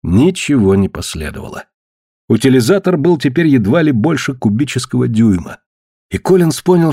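Man narrating an audiobook, steady measured reading, mid-pitched voice, dry close sound. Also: husky, dry recording. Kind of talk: scripted narration.

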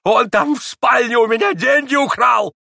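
A man voicing a shrill, frantic old father who shrieks and gasps in an audiobook. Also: normal speed, gravelly, pushed and bright, no room sound, clean studio sound, full character voice. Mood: frantic shrieking. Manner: shrieking, breathless and wild. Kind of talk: audiobook character voice.

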